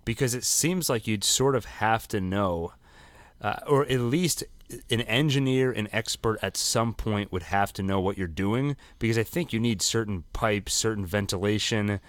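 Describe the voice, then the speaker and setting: A man's voice: fairly low pitch, moderate pace, no echo. A man co-hosting a podcast, casually recapping and explaining an episode's plot at length. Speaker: podcast co-host.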